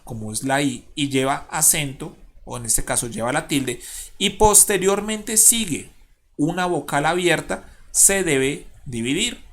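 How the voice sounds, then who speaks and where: A man's voice: on the high side, fairly bright tone. A male schoolteacher with a Colombian accent, recording an online lesson for his pupils. He talks patiently, asks the class questions and counts syllables aloud. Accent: Colombian Spanish.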